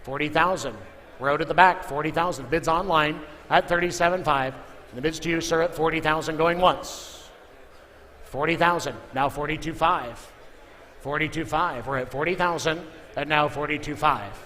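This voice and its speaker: Bright, forceful male auctioneer calling bids. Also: a little high, moderate pace. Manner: repeats figures and calls for bids. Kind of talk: live auction calling with repeated bid chant. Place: large indoor auction room. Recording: echoey hall with clear background noise.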